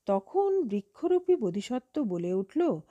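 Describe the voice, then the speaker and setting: A woman narrating a moral fable in an unhurried, expressive storytelling manner on a close mic. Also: on the high side, no room sound, muffled recording.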